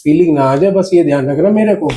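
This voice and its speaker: A woman's voice: low voice, fast talker, mellow, a little hiss or hum. A woman acting a teasing, whiny partner in a comedy sketch. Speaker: comic actress.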